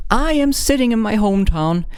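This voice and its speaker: Young Hungarian-accented man, lively voice. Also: high-pitched, brisk, clean tone. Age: 20s. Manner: candid, self-mocking, frequent restarts. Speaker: vlogger. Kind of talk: personal storytelling.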